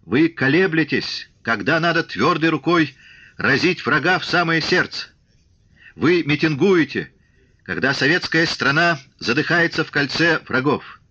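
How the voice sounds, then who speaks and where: Hoarse male firebrand orator, as a man reads him, raised and bright on a dull lo-fi track. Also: on the high side, expressive, a little slow, voice pushed up, heavily acted. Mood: fiery rousing. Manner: rousing, declaiming oratory. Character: hoarse male agitator, commanding and fierce.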